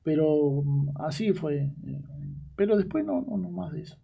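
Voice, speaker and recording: A young man telling stories from his years as a ranch hand in an interview, halting and repeating his words. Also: on the high side, gravelly, slightly rough, narrow, tinny audio. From Argentina. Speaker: guest, former ranch hand. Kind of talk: storytelling interview.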